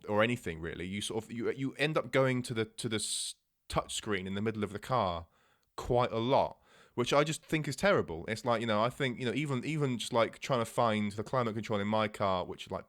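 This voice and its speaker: Low-voiced man in halting tech chat. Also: fairly bright tone. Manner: halting, many restarts and fillers. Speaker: podcast co-host. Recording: podcast mic.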